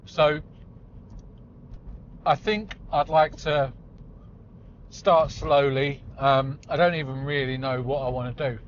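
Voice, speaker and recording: A man's voice: mid-range voice, takes it slowly, long pauses. Casual vlogger, man in his forties, chatty and self-deprecating, recorded in a car with dull sound. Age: 40s. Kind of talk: casual chat while driving. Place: inside a car on the road. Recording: slightly dull audio with faint road noise.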